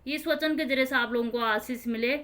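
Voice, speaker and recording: A woman's voice: on the high side, a little fast, a bit bright. A woman hosting her own channel, explaining Bible verses in an informal preaching style. She talks earnestly and directly, repeating and rephrasing each verse as she explains it.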